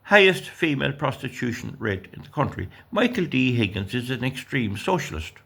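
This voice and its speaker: A sixty-something Irish political commentator reads news aloud and rants about it, indignant, rambling, stumbling over words. The voice is medium in pitch, creaky and sharp, with a sing-song lilt at normal speed.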